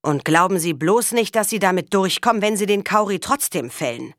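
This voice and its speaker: A woman's voice: medium pitch, lively intonation, fairly quick, no room sound, studio quality, voice pushed up, lightly acted. A woman reading the part of a stern man giving a warning. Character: stern male official, warning.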